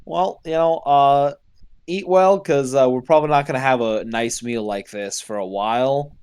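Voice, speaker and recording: A man's voice: medium pitch, normal speed, darkish tone, smooth. A man playing a tabletop game, talking in a rambling, jokey way that stops and restarts. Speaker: player. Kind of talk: casual tabletop game chat.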